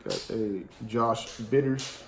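At home in his dining room, a man who hosts a card collecting channel casually reads off baseball card names one at a time, plain-spoken and slangy. His voice sits fairly low with vocal fry, and he talks slowly. A camera on the table in front of him records the room's steady noise.

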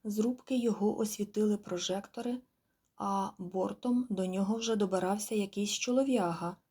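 A woman narrating an audiobook in a measured, quiet, expressive storytelling manner. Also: mid-range voice, husky. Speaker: audiobook reader. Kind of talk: scripted narration.

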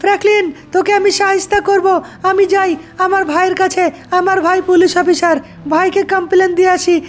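Woman, very high voice, rapid delivery, whiny dramatic tone, comic game dub. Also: level tone. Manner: whiny, dramatic sobbing and shouting. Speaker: game video voice-over for several figures. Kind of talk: comic dubbed game skit.

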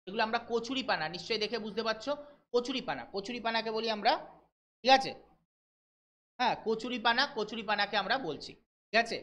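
A man from West Bengal teaching a live online exam-prep class, reading English questions out slowly and explaining them briskly while checking in with his students. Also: high voice, fairly bright tone. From West Bengal, India. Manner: brisk, keeps checking in with listeners.

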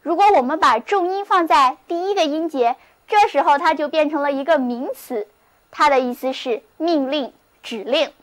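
A woman's voice: high voice, moderate pace, fairly bright tone. A woman teaching English vocabulary in a scripted lesson, spelling words letter by letter and reading example sentences aloud.

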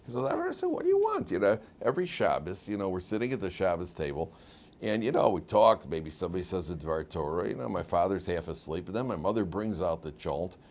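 A man's voice: low voice, fairly quick. A man, a rabbi giving a weekly Torah class as an informal lecture full of stories, repeating words and laughing at his own tales.

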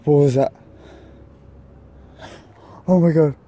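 A man's voice: fairly high pitch, steady tone, takes it slowly, dark tone, slightly rough. A man filming a ghost-hunting vlog outdoors by a tunnel, talking nervously to his handheld camera with jumpy exclamations. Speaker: vlogger. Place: outdoors near a tunnel and field.

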